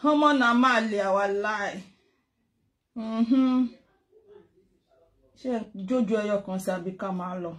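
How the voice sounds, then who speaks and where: A woman's voice: a little high, normal speed, pauses often. A woman hosting a casual chat and switching between languages. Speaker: host.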